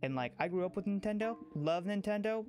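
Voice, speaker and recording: Over background music, a livestreamer speaks at a middling pitch, casual and opinionated, looping back on phrases and restarting thoughts as he rambles. The delivery is animated and brisk, with a darkish tone.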